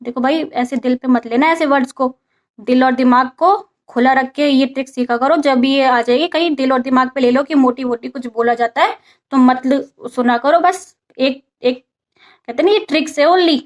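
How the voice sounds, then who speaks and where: Woman, vocabulary teacher, high voice, casual lesson, asks and answers her own questions. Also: normal speed. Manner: mixes English vocabulary into Hindi explanation.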